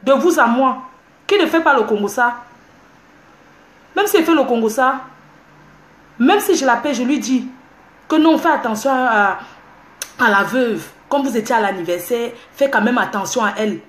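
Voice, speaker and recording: A woman's voice: fairly high pitch, lively intonation, normal speed, long pauses. A woman, ranting defiantly on a livestream from home, repeating herself indignantly. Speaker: social media livestreamer. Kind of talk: heated livestream rant. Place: at home, indoors. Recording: echoey room.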